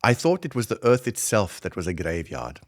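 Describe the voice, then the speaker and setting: A man reading a short story as an older Afrikaner narrator, in a heavy Afrikaans South African accent and a deliberate, measured storytelling manner. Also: sits low, sing-song. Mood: solemn, wry.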